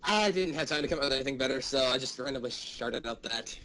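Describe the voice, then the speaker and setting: A man's voice: medium pitch, expressive, fast talker, pushed and bright. A man chatting casually and teasing as a heckling friend during a group story reading. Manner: teasing, wisecracking. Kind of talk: casual banter.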